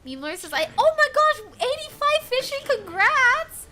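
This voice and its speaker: A young American woman from the United States streams a game and chats casually with her viewers, her voice extremely high-pitched at a moderate pace. She's giggly and animated, breaking into laughter often. Faint game music plays in the background.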